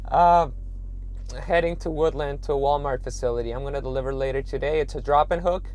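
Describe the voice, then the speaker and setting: A man with a hoarse, raspy, nearly lost voice, talking casually to viewers as a trucker vlogger. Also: medium pitch, a little fast, a little mellow. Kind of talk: casual vlog talk to viewers. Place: truck stop rest area, then inside truck cab.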